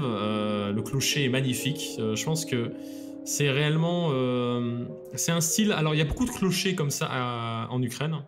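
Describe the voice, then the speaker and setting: A man co-hosting a casual podcast, presenting a city guide in a hesitant way with many fillers, dropping in dry jokes. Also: mid-range voice. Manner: hesitant, lots of fillers and restarts; dry joking asides.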